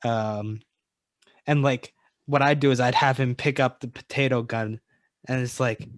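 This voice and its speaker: Podcast guy, lots of likes and ums, normal pitch, dry mic. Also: fairly even intonation, measured pace, no echo. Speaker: podcast co-host. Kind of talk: casual chat.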